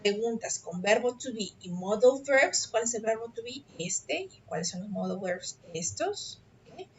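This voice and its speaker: Woman, online teacher, patient explaining, frequent check-ins, slow delivery, muffled call audio. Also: fairly high pitch, animated, slight background noise. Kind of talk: explaining an assignment on a video call. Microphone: computer mic on a video call. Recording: dull lo-fi video call audio.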